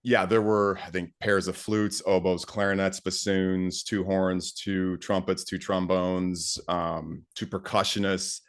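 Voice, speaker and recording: Deep voiced guy chatting about his music, excited, lots of uh and um. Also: measured pace, hardly any pauses. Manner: enthusiastic, many fillers and restarts. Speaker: guest composer. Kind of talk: casual interview talk.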